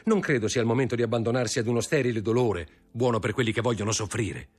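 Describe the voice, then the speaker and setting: A man voicing a proud young man in an audiobook reading, grave, measured and bitter. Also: mid-range voice, husky, pitched above the performer's own voice, close to an everyday voice. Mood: urgent.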